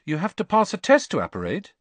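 A man's voice: sits high, huge pitch swings, fast, no echo, pitched above the performer's own voice. A man doing a curious, startled teenage boy.

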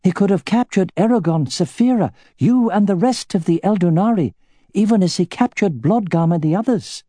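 A man voicing a fierce female elf warrior with sharp, urgent questions in a raised voice. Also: high-pitched, lively intonation, moderate pace, dry recording, studio quality, voice pushed up. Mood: angry.

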